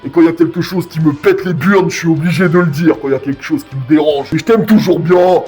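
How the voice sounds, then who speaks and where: A man's voice: on the high side, quick pace, a little mellow, soft background music. A man giving a casual review rant as a YouTuber, speaking in a blunt, crude, slangy way.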